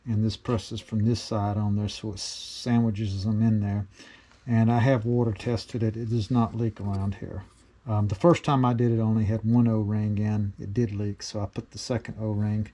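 A man's voice: fairly low pitch, level tone, moderate pace, dark tone. A middle-aged man explaining a homemade build in a casual workshop how-to, plainspoken with many fillers. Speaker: DIY maker showing a build. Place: cluttered home workshop.

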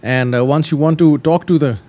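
This flight simulator tutorial host has a fairly high, brisk, mellow voice. He walks through the steps casually and keeps repeating simple instructions.

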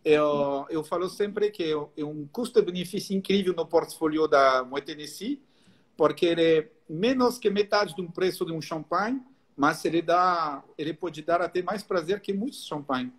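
A middle-aged Frenchman with a French accent joins a live video call on his laptop from a room at home as a guest enologist. His voice is on the high side at a normal speed, and he explains things in a friendly way with many restarts.

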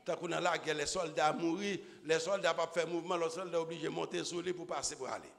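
Preacher with a high, bright voice. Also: male voice, fairly even intonation, fast, creaky. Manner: swings from low murmurs to shouted exclamations. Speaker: pastor. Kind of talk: sermon. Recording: echoey hall with long reverb.

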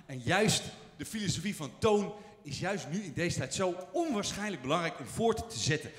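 Excited man accepting an award, rambling speech, fairly high voice, big echoey theater. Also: moderate pace. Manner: effusive, rambling with fillers and restarts. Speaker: award winner. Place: large theater stage. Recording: echoey theater hall with audience.

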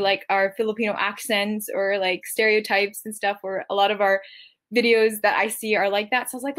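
A woman's voice: medium pitch, fairly bright tone. A woman in her twenties chatting casually on a livestream in a bubbly, self-mocking Gen Z manner, sprinkled with "like", on a webcam in a bedroom. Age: 20s. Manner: bubbly young Gen Z talk, giggly, self-mocking, full of "like". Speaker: TikTok creator and actor hosting a livestream. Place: small bedroom, indoors.

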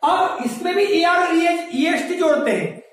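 A woman's voice: very high-pitched, lively intonation, normal speed. A woman teacher giving a patient classroom lesson, spelling words out letter by letter and checking that her pupils follow. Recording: echoey room, mic far off.

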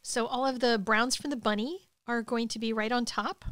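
A woman calmly explaining each step of a watercolor painting in a voice-over tutorial. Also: a little high, moderate pace, no echo, clean studio sound. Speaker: art instructor.

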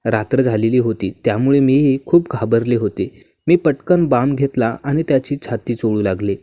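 A man narrating a first-person story in a smooth, even and unhurried reading manner. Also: mid-range voice, no room sound. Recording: dull, muffled dry recording.

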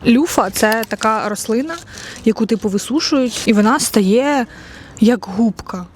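A woman's voice: a little high, normal speed, slight background noise. Chatty young woman vlogging. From Ukraine. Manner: chatty, playful, talks straight to the camera. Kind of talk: casual vlog chat. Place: outdoors in a park, then at home.

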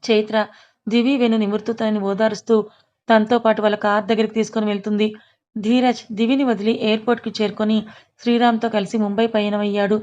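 Woman storyteller with a flat, even voice. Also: medium pitch, fast, muffled recording. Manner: steady storytelling narration. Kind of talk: reading a serialized story aloud.

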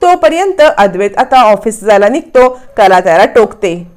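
Brief: woman storyteller, brisk casual serial recap. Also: medium pitch, sing-song, a little mellow. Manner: brisk, strings scenes with "then he says".

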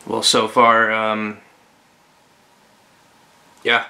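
A young man talking to camera in a bedroom for a casual challenge vlog, halting and deadpan, with crude humor. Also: fairly low pitch. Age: young adult. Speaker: cameraman and vlogger. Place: bedroom indoors. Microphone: camera at about arm's length.

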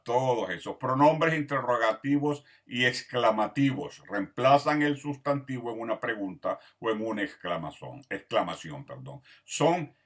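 A man's voice: medium pitch, a bit bright. A man teaching an online grammar class, patiently listing words one by one and checking in with his students. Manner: patient, lists words one by one, often asks "¿verdad?". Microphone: video call.

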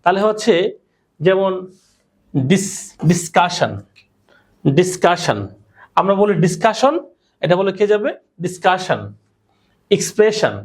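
A woman teacher giving a classroom pronunciation lesson, quizzing her students with repeated questions. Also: fairly low pitch. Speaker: English teacher.

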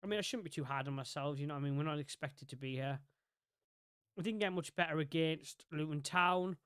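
A man's voice: fairly high pitch, a little fast, fairly bright tone, smooth, no room sound, studio quality. A young man giving casual, rambling commentary on his management game, often restarting and correcting himself. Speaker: gaming YouTuber.

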